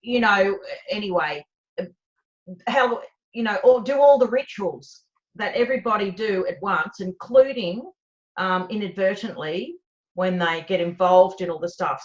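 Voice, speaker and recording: A woman's voice: fairly low pitch, dull audio. A woman talking as an interview guest, musing aloud with lots of fillers. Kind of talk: casual conversational interview.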